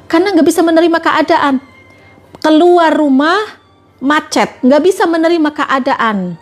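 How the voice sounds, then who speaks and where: A woman's voice: high-pitched, normal speed, faint music behind. A woman motivational trainer giving live-streamed religious advice, firing rhetorical questions and coaxing her viewers directly. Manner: fires repeated rhetorical questions at listeners.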